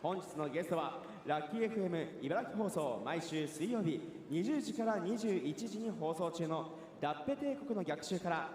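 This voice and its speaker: Brief: high, lively male arena announcer, heavy reverb from a huge hall. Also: normal speed, few pauses, a little hiss or hum. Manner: upbeat, announcer-style. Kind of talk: halftime show introduction. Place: basketball arena. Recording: booming echo in a large hall.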